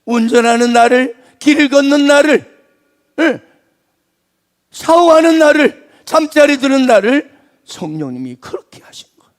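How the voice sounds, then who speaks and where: A man pastor preaching a sermon, swinging between emphatic lines and hushed, nearly whispered ones. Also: very high voice, animated, unhurried, long pauses.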